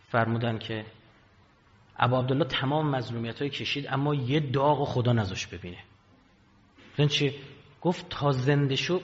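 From the pulpit of a hall, a man preaches a sermon full of stories, his loudness and pitch swinging dramatically. The recording is dull and lo-fi, with a long reverb from the hall.

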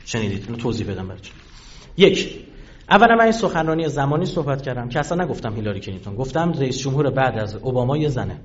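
A man giving a lecture to an audience, animated and full of rhetorical questions. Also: on the high side. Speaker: political speaker. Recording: dull lo-fi sound.

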